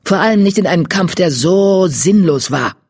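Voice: mid-range voice, expressive, normal speed, darkish tone, slightly rough, no echo, studio quality. A reader voicing a stern elder she-cat who speaks curtly and reproachfully, raised above the narration. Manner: curt, reproachful.

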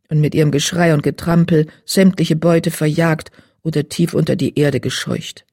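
A storyteller reading an animal fantasy audiobook in a measured, even way. The voice is husky and sits at a middle pitch, recorded close and dry with no room around it. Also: dry recording. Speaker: narrator. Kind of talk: audiobook narration.

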